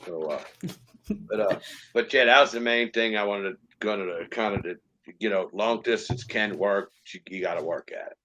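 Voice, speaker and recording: Late 50s guy on a live stream, lowish voice but bright and forceful, keeps stumbling over words. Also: muffled recording, slight background noise. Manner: halting, repeats words, frank. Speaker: guest. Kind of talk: casual live-stream chat.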